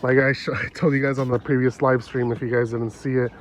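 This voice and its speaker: A congested car hobbyist with a medium-pitched, level voice chats quickly while working on his car outdoors in a yard, filming on a handheld phone. His how-to narration is casual and he laughs often. There's a little hiss or hum.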